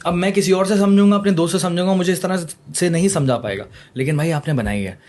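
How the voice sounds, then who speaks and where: A man's voice: high-pitched, a little mellow. Man hosting podcast, mixing English. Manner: responsive, mixes English phrases into Urdu. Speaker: podcast host. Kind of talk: podcast conversation.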